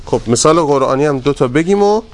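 Guy teaching a grammar class, slightly high voice, stretches words out slow, keeps quizzing the students. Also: expressive. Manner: drawn-out repetition of word forms, quizzing students; polite and deferential to the class leader.

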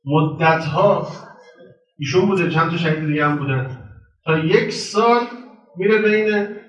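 A man giving a religious sermon in a colloquial storytelling way, moving between raised and hushed delivery. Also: a little high, muffled recording. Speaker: preacher. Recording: very echoey hall, voice from far off.

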